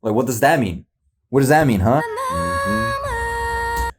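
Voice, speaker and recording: Animated rambling male reactor. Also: mid-range voice, fairly quick, slightly rough, faint music behind. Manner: rambling, slangy, self-mocking, excitable. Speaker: YouTube reactor. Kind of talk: casual reaction commentary.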